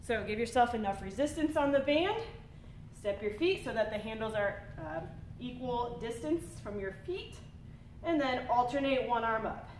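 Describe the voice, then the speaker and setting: Woman fitness instructor, high voice, steady workout cues, distant mic with a faint rumble behind. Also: moderate pace, echoey room. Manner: clear step-by-step cueing. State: slightly out of breath.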